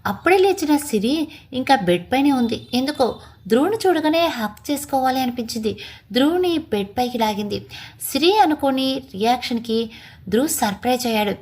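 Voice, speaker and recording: A woman's voice: sits high, animated, a little fast, a little mellow. Woman reading a story aloud. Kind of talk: read-aloud story narration.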